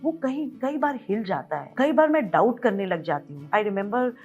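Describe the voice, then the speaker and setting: A middle-aged woman, a counsellor who explains things calmly in an interview and mixes English phrases into Hindi. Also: mid-range voice, moderate pace, slightly rough, muffled recording, faint music behind. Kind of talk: conversational interview.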